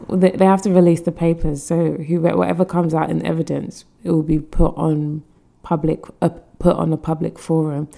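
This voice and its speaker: Young female co-host, low and gravelly, blunt casual chat. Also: little pitch movement, moderate pace, few pauses, mellow. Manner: blunt, dismissive, mocking impressions. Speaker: podcast co-host.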